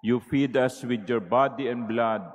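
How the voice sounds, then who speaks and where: A man, a priest speaking at a pulpit microphone and leading Mass prayers in a slow, measured, solemn way. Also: medium pitch, fairly even intonation. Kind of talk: liturgical prayers and greeting. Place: large cathedral. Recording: long cathedral reverb through the church sound system.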